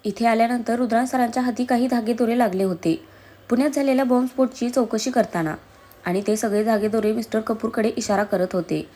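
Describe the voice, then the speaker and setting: A woman's voice: fairly high pitch, fairly even intonation, brisk, warm tone, close to an everyday voice. A woman reading the part of a firm, honest young man revealing the truth in a storybook reading. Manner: firm, sober.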